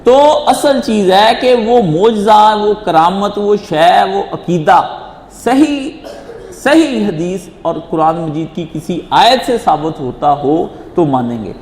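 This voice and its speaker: A man's voice: high voice, expressive, darkish tone. A man, answering religious questions in an emphatic, repetitive lecture style and acting out quoted voices. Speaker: Islamic teacher answering questions. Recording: echoey hall with faint noise.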